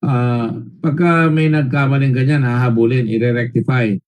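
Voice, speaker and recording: Filipino man, committee chair, stern questioning, dark mellow tone, halting fillers, mixes English and Tagalog. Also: mid-range voice, fairly even intonation, low-quality recording. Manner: stern, lecturing, with frequent halting fillers and repeated words; switches between English and Tagalog mid-sentence. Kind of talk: formal hearing interrogation.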